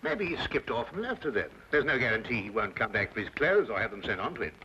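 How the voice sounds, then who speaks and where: An earnest British doctor, the detective's loyal companion, with a bright, forward voice. His intonation is animated and very proper, heard through a muffled vintage radio drama recording. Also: mid-range voice, fast, slight background noise. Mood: curious. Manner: proper, earnest, readily indignant. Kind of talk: old-time radio drama acting and narration.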